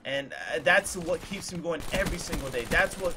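A man in his early twenties with a slightly high voice speaks earnestly from a small room at home, rambling and circling back on his points with many fillers. He talks into a desk mic. Gunfire from a video game is clearly heard behind his voice. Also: moderate pace, noisy background. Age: 20s. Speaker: gaming YouTuber. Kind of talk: candid talk to viewers over gameplay.

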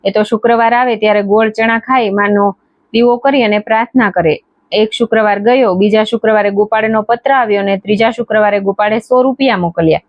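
A woman storyteller reading a devotional folk tale in a measured, steady way. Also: medium pitch, dry recording. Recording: dry, dull lo-fi recording.

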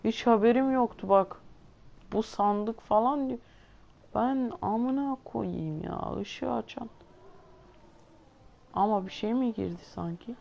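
Speaking slowly with vocal fry and long pauses, this woman's fairly high voice comes through a muffled recording with slight background noise. She's a gaming video host commentating her play for her channel, cursing nonstop and complaining directly to viewers in an exasperated, grumbling way.

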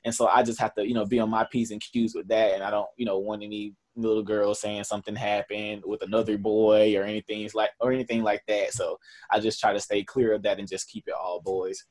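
A camp founder in his twenties talks with a Southern US accent, his voice fairly low, a little mellow, and flat in delivery. He speaks fairly quickly and earnestly in a conversational interview, full of fillers and restarts.

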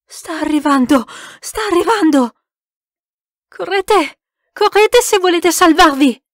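A woman reading an audiobook aloud, voicing a terrified Frenchman who shouts and pleads frantically. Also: high voice, unhurried, no room sound, studio quality. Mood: panicked.

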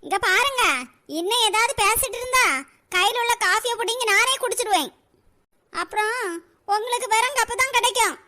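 A woman voicing a sharp-tongued young wife in a cartoon, with a Kanyakumari Tamil accent and a quarrelsome, scolding manner. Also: very high-pitched, normal speed, pauses often.

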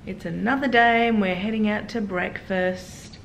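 A woman's voice: medium pitch, steady tone, normal speed, poor audio. A middle-aged woman giving a casual, chatty vlog update to camera. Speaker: vlogger. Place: indoors, hotel suite. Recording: clear background room noise.

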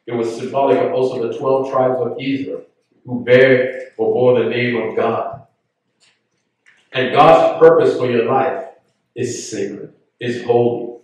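A man delivers an earnest teaching sermon and reads scripture aloud. His voice sits at an ordinary middle pitch. It is heavily echoey and sounds far from the microphone. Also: fairly even intonation, a little slow. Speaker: preacher.

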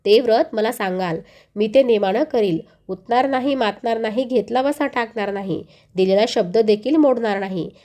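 A woman's voice: fairly high pitch, moderate pace, dark tone, close to an everyday voice. A woman voicing a young palace maid who questions a stranger fussily and later pleads anxiously. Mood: pleading.

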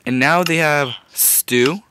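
A young man hosting casual gameplay commentary. He swears often, gets excited easily and keeps restarting his sentences. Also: a little high, slow pace, heavy background noise. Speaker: gaming video host.

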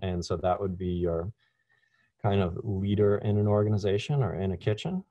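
A middle-aged man, a chef, giving a relaxed online webinar talk over a video call, with frequent ums and restarts. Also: low voice, normal speed, no room sound, highs cut off. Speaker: chef and food science presenter. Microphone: video call webcam.

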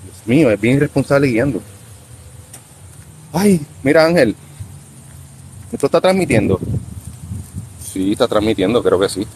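A man in his fifties with a Puerto Rican accent, rambling casually on a live stream outdoors by a beach, talking to himself and halting when he tries English. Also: medium pitch, animated, noisy background. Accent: Puerto Rican Spanish. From Puerto Rico. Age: 50s.

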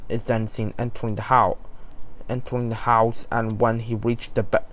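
A man narrating a creepypasta in a halting, stumbling way, often restarting his sentences. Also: mid-range voice, flat delivery, fairly bright tone.

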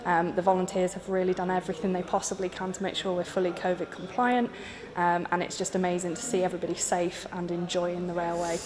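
Low, even-toned woman over busy background chatter. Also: quick pace. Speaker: railway commercial manager, interviewee. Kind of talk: interview sound bite.

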